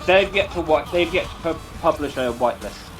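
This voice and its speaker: A British man chatting casually over voice chat while playing a racing game, rambling and excitable. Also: on the high side, brisk. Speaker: gamer in voice chat. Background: racing game music.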